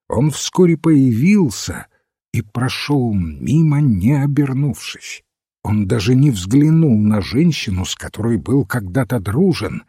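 A man's voice: mid-range voice, dark tone, breathy edge, dry recording, clean studio sound, heavily acted. A man doing a grumbling old general. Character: grumbling elderly male general, gruff lord.

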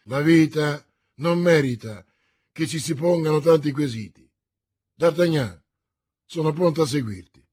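A man voicing a noble older male musketeer who speaks calmly and philosophically. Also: fairly high pitch, a little slow, husky. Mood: earnest. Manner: calm, philosophical.

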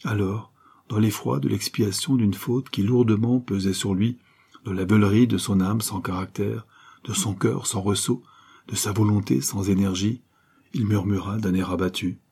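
A man reading a classic novel aloud as an audiobook narrator, in a measured, grave storytelling manner. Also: on the low side, steady tone, creaky, mellow, slightly rough. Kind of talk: dramatic literary narration.

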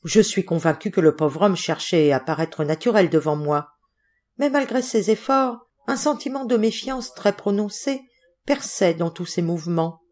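A woman narrating an audiobook story in a measured, expressive reading. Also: fairly low pitch. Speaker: audiobook reader.

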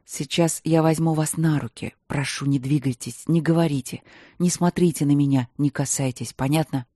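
A narrator putting on a hoarse, growling baron who is half bear, speaking slowly and low from deep in the chest. His voice is dark and dry. Every word sounds dragged out under strain. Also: fairly even intonation, no room sound, close to an everyday voice. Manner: slow, strained, barely holding himself back. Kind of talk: audiobook reading.

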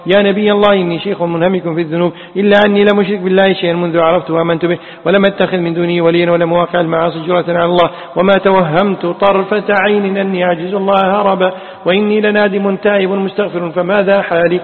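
A man's voice: high voice, level tone, racing. Man reading scripture commentary, tinny echo. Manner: chants quoted verses melodically. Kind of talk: reading classical Quran commentary aloud. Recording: tinny, echoey hall sound.

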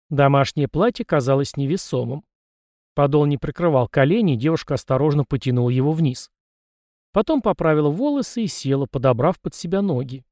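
A man reading a first-person story aloud in an expressive, animated way. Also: a little high, no echo, clean studio sound. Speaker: audiobook narrator. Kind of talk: first-person audiobook narration.

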